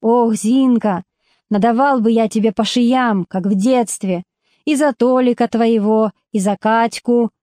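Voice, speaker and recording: A woman reading an audiobook, voicing a gruff middle-aged male factory foreman who speaks in curt, commanding bursts and sometimes slows to a heavy scolding. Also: on the high side, dark tone, dry recording, clean studio sound, lightly acted.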